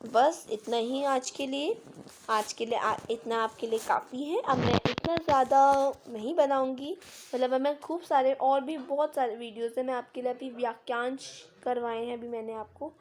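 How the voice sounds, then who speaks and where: A woman's voice: high-pitched, fairly even intonation, moderate pace, darkish tone, a little hiss or hum. A woman teaching Hindi grammar in a screen-recorded lesson, patiently explaining with simple examples and quiz questions. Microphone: device mic of a screen recording.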